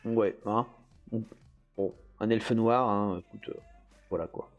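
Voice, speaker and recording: A man's voice: fairly low pitch, fairly even intonation, takes it slowly, muffled recording, soft background music. A man hosting a casual livestream, rambling through his talk with hesitant fillers and frequent chuckles. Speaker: host.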